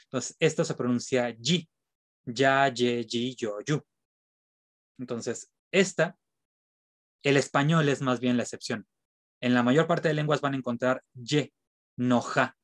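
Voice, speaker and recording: A man teaching an online class as a French teacher, patiently spelling out sounds slowly and repeating them. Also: medium pitch, no room sound.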